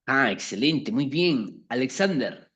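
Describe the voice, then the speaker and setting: A man's voice: mid-range voice, lively intonation, takes it slowly, a bit bright, highs cut off. A man teaching a class, explaining an exercise step by step and often checking that students follow. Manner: keeps checking understanding with tag questions.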